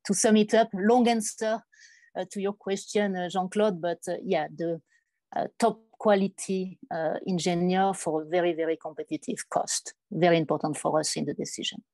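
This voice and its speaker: Mellow, low-voiced woman on a business panel. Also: fairly even intonation, normal speed, dry recording. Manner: hesitant, many restarts and fillers. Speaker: startup executive on a panel. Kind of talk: panel discussion.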